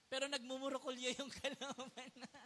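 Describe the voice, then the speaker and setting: A Filipino pastor preaches to his congregation in a very high, pushed and bright voice, talking a little fast with a completely flat delivery. He tells a personal story in a conversational style, often questioning and checking with his listeners, and mixes English phrases in. The recording has long hall reverb and a little hiss or hum.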